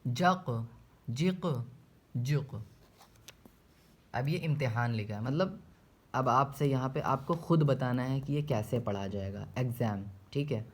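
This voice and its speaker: A man teaching Quran reading, slowly drilling single syllables and repeating each one several times with deliberate, drawn-out pronunciation. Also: medium pitch. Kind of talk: slow step-by-step recitation lesson.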